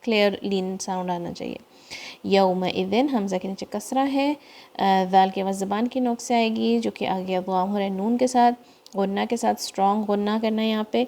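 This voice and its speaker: A woman teaching Quran recitation, explaining pronunciation rules in with English words mixed in and slowly repeating each word to demonstrate. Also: mid-range voice, steady tone, warm tone. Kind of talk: tajweed lesson, explaining then reciting slowly.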